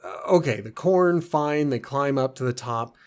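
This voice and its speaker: A man co-hosting a casual movie podcast, animated, his voice jumping up when he gets excited, laughing often. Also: medium pitch, moderate pace. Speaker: podcast co-host.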